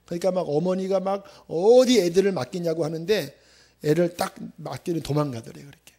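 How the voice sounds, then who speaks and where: A man's voice: sits high, darkish tone. A man preaching, retelling a story with emotion and acting out the prayers and quotes of the people in it. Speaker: pastor. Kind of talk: sermon storytelling.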